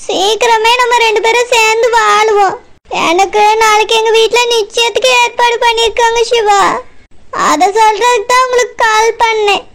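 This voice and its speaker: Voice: very high-pitched, level tone, moderate pace, vocal fry, a bit bright, heavily acted. A voice actor playing a tearful, lovesick young woman in a cartoon, pleading and weepy. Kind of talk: cartoon voice acting.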